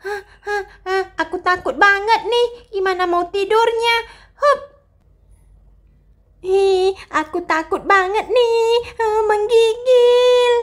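A timid little girl, as voiced by a woman, whimpers and gasps in panic through a voice-acted game role-play. The voice sits extremely high. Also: takes it slowly. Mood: fearful.

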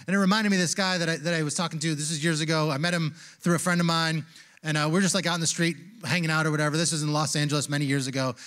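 A man in his forties, a pastor preaching a sermon on a large church stage into a handheld mic, telling a story in a relaxed, conversational way that turns hushed and reflective. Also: a little high, rapid-fire. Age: 40s.

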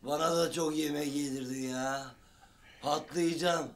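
A man's voice: on the high side, fairly even intonation, measured pace, lightly acted. A man in a sitcom playing a naive friend who tells odd tales in earnest. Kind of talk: sitcom comedy acting.

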